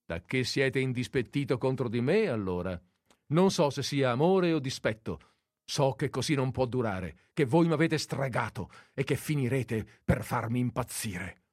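A man reading aloud and voicing a proud young gentleman who speaks earnestly and pleadingly. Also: mid-range voice, animated, unhurried, no echo, studio quality.

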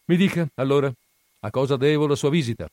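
A man voicing a pompous, quick-tempered wine magnate who bursts into shouted dialect insults. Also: medium pitch, no echo, studio quality, voice pushed up, close to an everyday voice. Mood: condescending. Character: irate pompous male wine magnate, middle-aged.

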